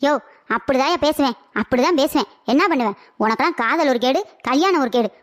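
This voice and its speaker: A woman voicing a shrill nagging wife who scolds her husband nonstop, in a cartoon comedy. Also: fast, a little hiss or hum, lightly acted. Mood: scolding. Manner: sharp, scolding, bossy.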